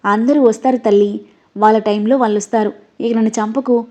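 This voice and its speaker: A woman's voice: fairly high pitch, steady tone, a little fast, mellow, natural voice. A woman reading the lines of a playful, teasing young man in a story. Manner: playful, coaxing. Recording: dull lo-fi audio.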